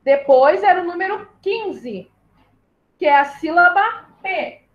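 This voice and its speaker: Calling her pupils "my love," a primary school teacher from southern Brazil patiently spells out syllables slowly for young children in an online class. Her very high-pitched voice is animated, and the recording has its highs cut off.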